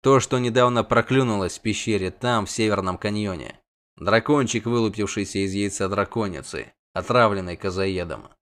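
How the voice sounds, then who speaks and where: A gruff witcher speaks low and quietly, as a male narrator voices him. His manner is dry and matter-of-fact. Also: moderate pace, natural voice. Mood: grim. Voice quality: low, subdued. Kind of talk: audiobook character voice.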